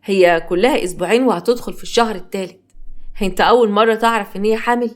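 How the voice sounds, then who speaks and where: A woman's voice: medium pitch, fast, close to an everyday voice. Female narrator as a composed Egyptian doctor; factual, reassuring. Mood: calm. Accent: Egyptian Arabic. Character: calm male family doctor.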